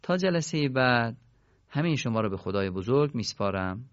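A man teaching Quran recitation rules in a recorded lesson, patiently explaining step by step and slowly chanting verses. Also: mid-range voice, expressive, dry recording, dull audio.

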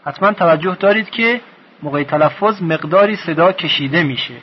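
Male teacher, raised pitch, deliberate pacing, stretches sounds to demonstrate; lo-fi tape quality. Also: husky. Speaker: Quran reading teacher. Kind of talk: recorded lesson. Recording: dull lo-fi recording.

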